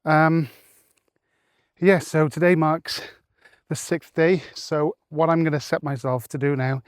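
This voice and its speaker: A man's voice: fairly high pitch, little pitch movement, unhurried, no echo, studio quality. A married man talking casually to camera while out walking in open fields, rambling with many fillers and restarts, a little out of breath. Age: adult, married. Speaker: vlogger.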